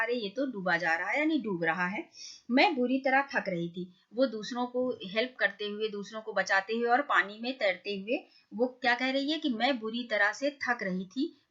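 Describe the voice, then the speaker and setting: A woman teacher reads a story to young pupils and keeps stopping to ask the class questions and explain. Her voice is bright and a little high. The recording is dull and lo-fi. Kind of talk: reading and explaining a school lesson to children.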